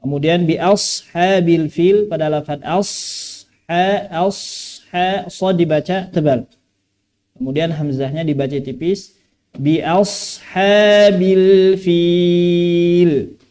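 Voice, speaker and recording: A man's voice: on the high side, slow pace, darkish tone. A man teaching Quran recitation in a mosque, drawing out phrases and patiently correcting pronunciation. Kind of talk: tajweed lesson with recitation.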